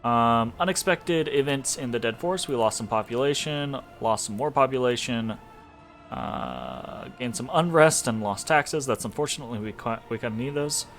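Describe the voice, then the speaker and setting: Over soft background music, a young man stuffed up from allergies chats casually about a strategy game, wandering off topic with plenty of fillers and small laughs. His medium-pitched voice is animated and a bit bright, moving at a normal pace.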